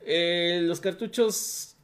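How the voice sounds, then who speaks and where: Hombre de voz aguda y tranquila. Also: male voice, high-pitched, steady tone, extremely slow, a bit bright. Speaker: podcast co-host. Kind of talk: casual chat.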